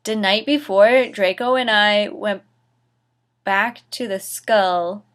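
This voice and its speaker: Speaking slowly in a mid-range voice, a woman acts as host and reader of a series. She delivers fan fiction with theatrical flair and sarcasm, tossing in mocking side comments.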